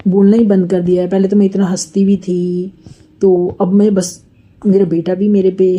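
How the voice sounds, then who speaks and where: A middle-aged Indian woman shares a personal devotional testimony, speaking in a very soft, husky voice that is dark and mellow at an ordinary pitch. She rambles earnestly and keeps turning to address her listeners.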